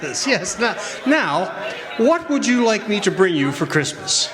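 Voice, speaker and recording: A man's voice: high voice, sing-song, a little slow, crowd noise. A man playing a kindly, jolly old Santa with a reassuring manner, acting in a radio drama. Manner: jovial, chuckling, gently reassuring. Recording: echoey hall stage, music behind.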